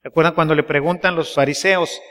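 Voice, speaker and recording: Priest preaching in a casual, chatty way, high voice, lots of church reverb. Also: male voice, steady tone, fast, a bit bright. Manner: folksy storytelling, keeps asking the congregation to agree. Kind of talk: sermon.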